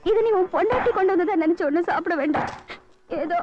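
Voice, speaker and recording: An actress playing a repentant young village wife in a Tamil film melodrama, pleading tearfully with a Tamil accent. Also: female voice, very high voice, fast, heavy background noise. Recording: dull film audio with loud music.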